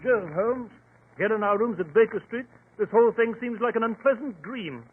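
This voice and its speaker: An actor in a 1940s radio play as a hearty English gentleman doctor with a British accent, bluff, genteel and earnest. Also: sits high, expressive, moderate pace, noisy background. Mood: curious, grateful. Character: hearty, admiring English gentleman doctor, the detective's loyal companion. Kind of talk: 1940s radio drama acting. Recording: tinny 1940s radio recording.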